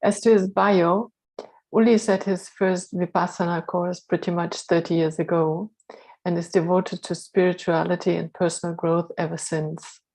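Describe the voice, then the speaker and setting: Flat, gravelly woman introducing a speaker. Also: on the low side, normal speed, low-quality recording. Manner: earnest, with slips and self-corrections. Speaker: symposium presenter introducing a speaker.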